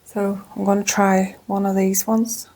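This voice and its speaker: Mellow Northern Irish woman in her kitchen. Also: medium pitch, flat delivery, unhurried. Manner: chatty and homely, talks while tasting. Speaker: cooking channel host. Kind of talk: casual cooking vlog. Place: home kitchen.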